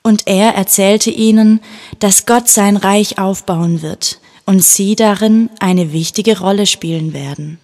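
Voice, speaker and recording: A woman reads a Bible story aloud in a calm, gentle way. Her delivery is steady and unhurried, suited to telling a story to listeners. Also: medium pitch. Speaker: narrator. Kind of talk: scripted Bible story narration.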